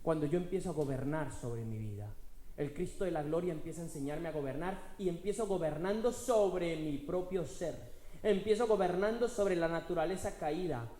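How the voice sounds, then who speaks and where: A man's voice: a little high, moderate pace, mellow. Male preacher, sermon delivery, emphatic repetitions and rhetorical questions, roomy hall with long echo. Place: church in Spain.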